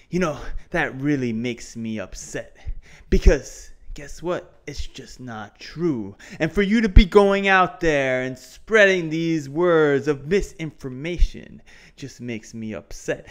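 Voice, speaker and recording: A man's voice: mid-range voice, voice pushed down. A man putting on an indignant, taunting wrestler, delivering a science lecture as a theatrical, confrontational wrestling promo. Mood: indignant, menacing. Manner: theatrical, emphatic, confrontational, with slangy rhetorical questions. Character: indignant, taunting male wrestler cutting a promo against flat earthers. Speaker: geography teacher.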